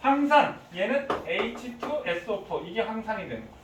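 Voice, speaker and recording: Male chemistry teacher, very high and lively voice, heard from across an echoey room. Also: normal speed. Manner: lively, quizzing students with frequent questions. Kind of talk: classroom lecture. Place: classroom. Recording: echoey classroom from far off, faint hiss.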